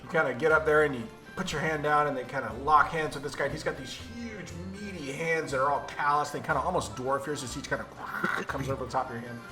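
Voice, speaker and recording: A man running a tabletop game as dungeon master, narrating scenes with lively asides. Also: on the high side, quick pace, hardly any pauses, music in the background.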